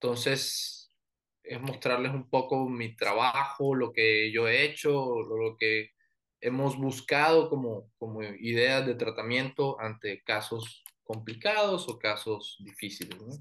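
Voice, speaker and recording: Orthodontist guest, man, Colombian coastal accent, easygoing, halting delivery, mid pitch. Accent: Colombian Caribbean coast. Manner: relaxed, frequent fillers and restarts. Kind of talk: professional interview and presentation.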